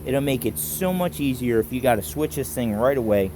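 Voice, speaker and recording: A man with a Baltimore accent gives a casual, plain-spoken hands-on tutorial in halting, folksy phrases, talking to a handheld camera. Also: medium pitch, animated, dark tone, slight background noise. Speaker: instructor in a do-it-yourself tutorial. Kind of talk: casual hands-on how-to explanation. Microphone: handheld camera held while demonstrating.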